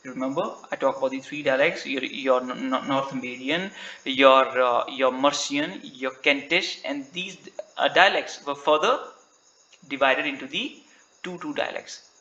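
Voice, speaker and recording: A man's voice: medium pitch, fairly even intonation, unhurried, sharp tone, highs cut off. A man with an Indian English accent teaching an exam-prep literature lecture, often asking questions and answering them himself and ending lines with "right?". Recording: echoey room.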